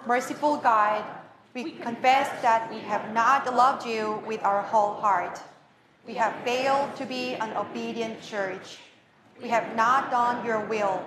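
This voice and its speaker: A woman leading a liturgy of confession with a measured, solemn recitation, her voice echoing through a church sanctuary. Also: a little high, fairly bright tone. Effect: echoing church sanctuary reverb. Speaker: worship leader. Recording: echoey room with congregation noise.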